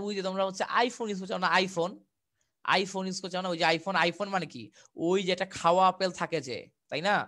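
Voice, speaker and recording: A young Bangladeshi man with a high, fairly bright voice teaches a live online exam-prep class. He's chatty and repeats himself, fielding viewers' questions as he goes.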